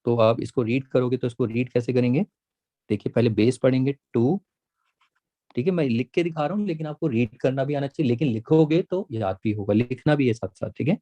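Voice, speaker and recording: Man, math teacher, patient, repetitive, mellow tone, dry sound. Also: mid-range voice, no echo, highs cut off. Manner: patient, repeats key points, drawn-out slow words. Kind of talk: classroom lesson, mixing Hindi and English.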